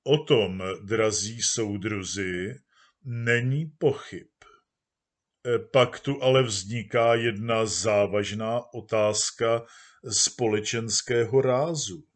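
A man voicing a smooth-talking male party orator with a pleasant baritone, making a slow, rhetorical speech in a storybook reading. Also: close to an everyday voice. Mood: genial.

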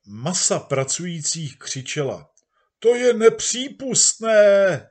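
A man reading a satirical short story aloud in a measured, dry storytelling manner. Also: medium pitch. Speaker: narrator.

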